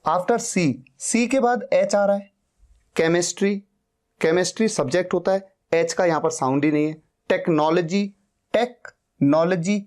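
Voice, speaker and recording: Slow, patient male teacher. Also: high voice, a little mellow. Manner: patient, spells out words and repeats them. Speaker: English teacher. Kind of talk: slow spoken-English lesson.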